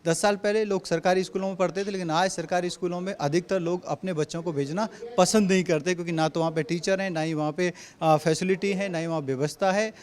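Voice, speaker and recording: A man's voice: sits high, fairly even intonation, quick pace, few pauses, a little mellow. A man from Delhi, a party spokesperson, answering interview questions assertively and hammering his points home in Hindi with a Delhi accent. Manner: assertive, repetitive rhetorical points.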